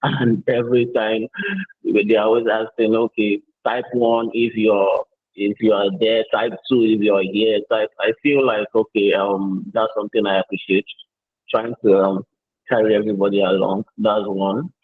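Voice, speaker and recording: Student on a bad call connection: low husky man, earnest, fillers, dry tinny line. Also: flat delivery, moderate pace, no room sound. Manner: earnest, many fillers and restarts. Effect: bad connection, tinny and phone-like. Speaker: student giving course feedback. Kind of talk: casual spoken testimonial on a video call. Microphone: video call mic with interference.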